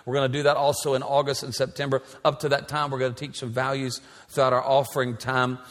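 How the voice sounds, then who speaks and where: A man's voice: medium pitch, level tone, fast, a bit bright. A pastor in his forties preaching a sermon in a church, with an emphatic, repetitive cadence. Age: 40s. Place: large church sanctuary. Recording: church hall reverb.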